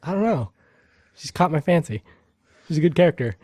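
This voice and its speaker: High, animated man on a dry mic. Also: brisk, slightly rough, no room sound. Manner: goofy, laughs often. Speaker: podcast co-host. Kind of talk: casual group chat.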